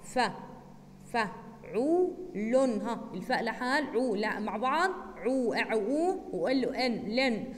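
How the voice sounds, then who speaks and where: A woman teacher with a Jordanian accent, giving a recorded lesson and drilling words slowly syllable by syllable. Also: a little high, animated, in a large hall. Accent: Jordanian Arabic. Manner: slow, deliberate syllable-by-syllable drilling.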